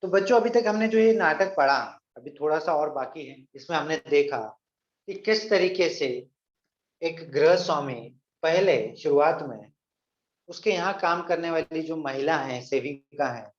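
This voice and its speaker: A man's voice: fairly high pitch, measured pace. Male teacher explaining a play, paraphrasing each line, in a lo-fi room recording. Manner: reads lines aloud, then paraphrases and repeats them. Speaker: Hindi teacher. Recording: echoey, dull lo-fi recording.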